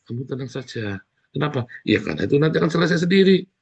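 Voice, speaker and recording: A man preaching a sermon as pastor, speaking in an animated way with sudden loud exclamations. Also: fairly high pitch, fast talker, vocal fry, slightly rough, muffled recording.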